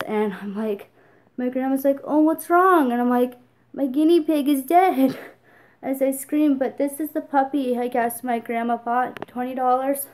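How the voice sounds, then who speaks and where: A woman's voice: on the high side, darkish tone, low-quality recording. A young adult woman vlogging casually, tearful and rambling, with lots of fillers as she tells a story.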